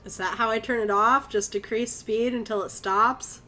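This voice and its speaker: Streaming a horror game live, this young Connecticut woman is easily startled, curses, and talks with her chat. Her slightly high voice has fairly even intonation, a moderate pace, and a sharp edge.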